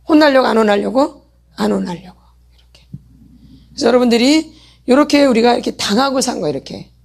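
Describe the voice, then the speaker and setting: A woman's voice: a little high, gravelly. A middle-aged woman leading a church healing meeting who keeps asking the audience questions and answering them herself. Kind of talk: sermon lecture with call-and-response questions.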